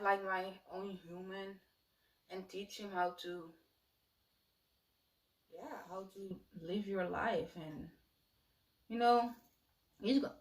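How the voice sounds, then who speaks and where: A young woman in her late teens, a native Dutch speaker, talking softly and haltingly in a personal confessional vlog. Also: on the low side, creaky, echoey room. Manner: soft-spoken and halting. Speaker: vlogger. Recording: voice distant from the mic.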